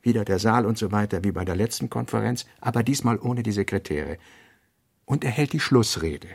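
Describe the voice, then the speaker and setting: In a literary radio play, a male actor voices a brooding thinker working through sketched notes in halting, pensive fragments broken by emphatic bursts. His voice is fairly low, creaky and husky.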